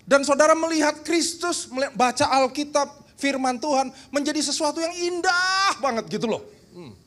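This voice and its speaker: High-voiced Indonesian pastor joking through a sermon. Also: male voice, moderate pace. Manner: humorous, teasing the congregation, animated. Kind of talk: lively church seminar sermon. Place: church hall.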